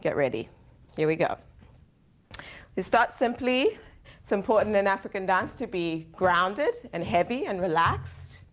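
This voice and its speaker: A woman from Zimbabwe giving calm, clear instructions in a dance tutorial. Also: medium pitch, measured pace.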